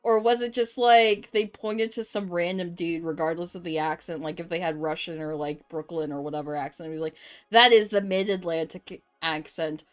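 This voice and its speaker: A woman's voice: lowish voice, a little fast, hardly any pauses, faint music behind. Laughing woman streamer chatting casually. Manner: laughs often, reads chat aloud, animated and joking.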